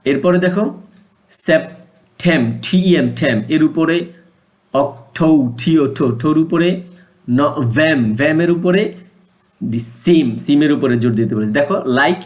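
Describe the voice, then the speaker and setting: A man teaching a primary school English lesson, mixing English phrases into his explanations and repeating words slowly for pupils to copy. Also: on the high side, darkish tone.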